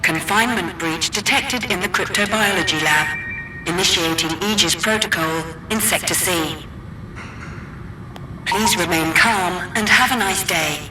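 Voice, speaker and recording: A woman voicing a calm automated facility alarm system, announcing over a loudspeaker in a polite, even tone. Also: fairly low pitch, unhurried. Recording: echoey, distant, over loud music.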